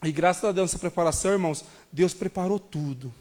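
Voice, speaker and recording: A Brazilian man in his thirties preaching a sermon, telling a personal story in an animated way and calling the congregation brothers. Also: sits high, quick pace. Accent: Brazilian Portuguese. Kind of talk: sermon testimony.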